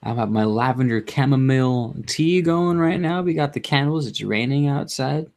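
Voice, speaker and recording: A man hosting a casual livestream, chatting to viewers in a subdued, low-energy, rambling way with halting self-interruptions. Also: expressive. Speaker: livestream host. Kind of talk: casual live chat to viewers.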